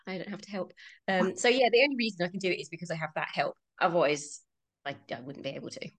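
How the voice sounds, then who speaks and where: A woman's voice: fairly low pitch, fast talker. A British woman in her thirties, a voice actress answering interview questions in a chatty way with frequent ums. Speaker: voice actress guest.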